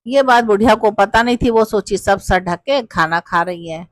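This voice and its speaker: A woman's voice: mid-range voice, moderate pace, dry recording. A woman narrating a devotional folk tale in a homely, chatty way, now and then addressing the listener directly. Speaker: storyteller.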